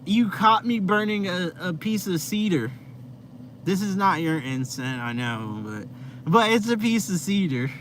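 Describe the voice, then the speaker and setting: A young man with a high, animated voice and a fairly bright tone talks a little slowly while hosting a casual live stream from his van. He chats with viewers in a relaxed, rambling way, full of fillers, over noisy vehicle ambience.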